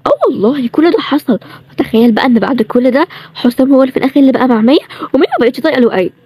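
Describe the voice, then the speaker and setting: A woman voicing a sharp-tongued young heroine with an Egyptian accent, in a bantering, higher-pitched way. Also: very fast, breathy edge, no echo. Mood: playful. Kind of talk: storybook role-play series.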